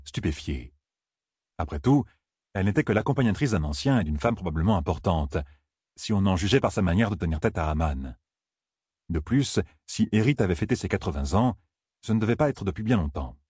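A man narrating an audiobook in a measured, even way on a close studio mic. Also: sits low, husky, dry recording. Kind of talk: scripted narration.

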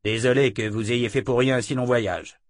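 A man's voice: mid-range voice, fairly even intonation, moderate pace, no room sound, lightly acted. A male narrator doing a defiant young swordsman, curt and blunt. His voice is a touch raised from the reader's own, read in a dry, close recording. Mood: curt, guarded.

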